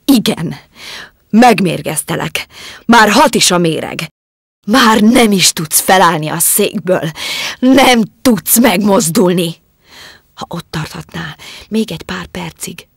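A woman voicing a young woman who confesses in a quiet, controlled way and turns commanding, in an audiobook. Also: on the low side, creaky, breathy edge, no room sound, studio quality. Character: young woman calmly confessing, icy and composed.

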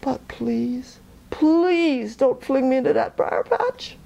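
Brer Rabbit, a woman doing a squeaky pleading trickster. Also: animated, slow, gravelly, warm tone, heavily acted. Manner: exaggerated begging, mock fear. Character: sly pleading small male rabbit trickster.

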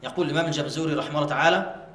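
A man teaching Quran recitation rules, repeating words slowly and drawing them out to show the pronunciation, in a mosque. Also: on the high side, a bit bright. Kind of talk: tajweed lesson with demonstrated recitation. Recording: echoey mosque hall.

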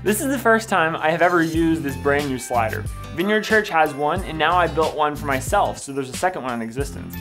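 A man's voice: a little high, lively intonation, brisk, few pauses, over music. A young man narrating a church production walkthrough in an upbeat, enthusiastic voice, recorded in a small room. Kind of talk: scripted voice-over walkthrough. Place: small room with blue wall.

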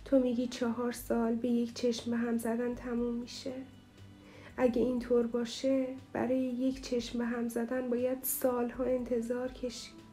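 A tearful, clinging mother in an audio novel speaks through a muffled, choked throat, as a woman narrator puts her on. Her pleading is soft and dark, held to a narrow, even line of pitch, with faint music underneath. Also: close to an everyday voice. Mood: grieving, pleading. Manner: pleading, sorrowful. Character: grieving middle-aged mother, tearful and clinging.

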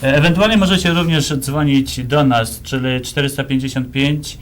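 A man hosting a studio interview in a halting, hesitant way, recorded on noisy 1990s TV tape. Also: mid-range voice, steady tone. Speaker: host of a local music TV show.

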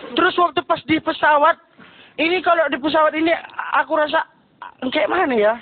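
High-voiced comedian on a tinny recording. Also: male voice, fairly quick. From Medan, North Sumatra. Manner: animated storytelling, acting out other people's voices. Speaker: stand-up comedian. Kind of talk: stand-up comedy set. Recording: muffled phone-like live recording with noise.

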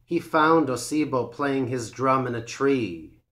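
A man reads a folktale aloud to English learners, spacing every phrase out very slowly. His voice sits in a middle pitch and stays clear and measured throughout. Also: lively intonation, a bit bright. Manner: slow, clear and measured reading. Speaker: English teacher.

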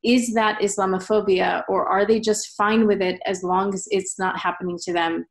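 A woman's voice: medium pitch, fairly even intonation, moderate pace. A woman in her thirties moderating an online panel in a casual, informal way from a room at home. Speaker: webinar moderator. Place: indoor room on a video call.

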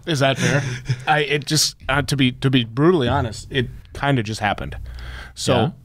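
A man who runs a store, talking as a guest in a casual interview, telling stories in a rambling, animated way with frequent restarts. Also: medium pitch, a little slow.

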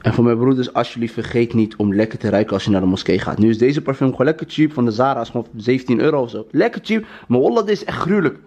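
A man's voice: medium pitch, rapid-fire, few pauses, a little mellow, lo-fi sound. A man vlogging casually in slang mixed with Arabic and English, bossy and bantering. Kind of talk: casual vlog chat. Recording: noisy handheld vlog audio.

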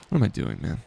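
A young man giving casual, self-mocking commentary on his football video game, swearing often and swinging from excited yelling to low mumbling. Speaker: gaming YouTuber.

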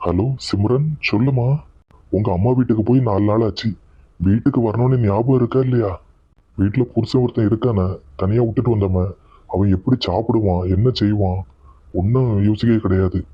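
Man voicing a fast-talking cartoon son. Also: fairly low pitch, husky, no room sound. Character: young husband and son, hurried and defensive. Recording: dull lo-fi dry audio.

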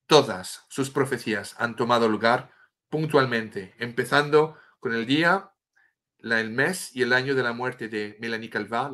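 A middle-aged man from France, a guest author, earnestly tells a story in Spanish with a French accent over a webcam video call from home. His medium-pitched voice has a sharp tone, and he often restarts words while searching for the Spanish term. Behind him is a room with a bookshelf and a statue.

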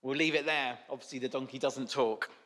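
A man's voice: mid-range voice, fairly even intonation, fairly quick, sharp tone. A male preacher giving a sermon, telling a story with informal asides. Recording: echoey church hall.

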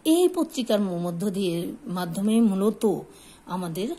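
Patient woman teacher, mellow voice. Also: medium pitch, very animated, a little slow, low-quality recording. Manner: patient, asks and answers her own questions. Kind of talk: recorded Bengali grammar lesson.

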